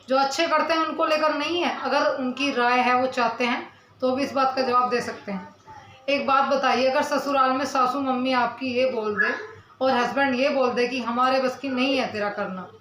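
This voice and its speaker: A woman's voice: fairly high pitch, a bit bright, echoey room, a little hiss or hum, low-quality recording. A young woman vlogger talking to camera, earnestly answering her viewers' comments and defending herself while in some pain from her mouth. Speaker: village vlogger.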